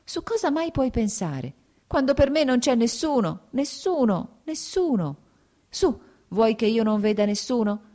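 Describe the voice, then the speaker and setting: A woman voicing a gentle, tormented young wife in an audiobook, speaking in a soothing, imploring way. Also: on the high side, very animated, unhurried, pitched above the performer's own voice.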